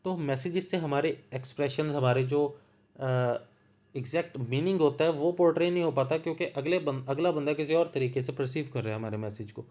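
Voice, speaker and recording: A man with a Punjabi accent giving a slow, patient lecture, explaining ideas through worked examples. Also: fairly high pitch, darkish tone. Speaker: literature lecturer.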